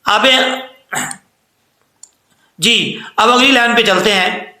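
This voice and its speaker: A man teaching Quran recitation rules, patiently repeating words and drawing recited phrases out slowly. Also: high voice, pushed and bright, echoey room. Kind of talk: tajweed lesson with recitation.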